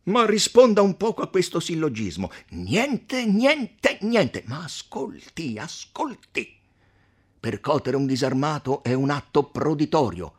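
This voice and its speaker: A man's voice: a little high, big pitch swings, unhurried, breathy edge, voice pushed up, full character voice. A man voicing a pompous, pedantic magistrate who lectures and quibbles in Latin tags, in a storybook reading. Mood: indignant lecturing.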